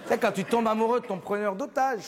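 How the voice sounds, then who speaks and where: Stand-up comic, male, high voice, lively, live theatre with long reverb and a laughing crowd. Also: quick pace, noisy background. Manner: animated, acts out scenes with shifting voices. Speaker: stand-up comedian. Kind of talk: one-man stand-up show. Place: theatre stage with live audience. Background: audience laughing.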